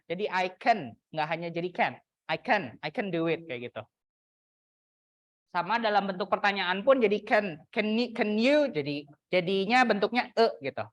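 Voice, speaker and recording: A young woman teaching an English class in a classroom, chatty and teasing, slowing down to model example sentences. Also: fairly high pitch. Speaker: university English lecturer. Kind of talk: classroom lecture.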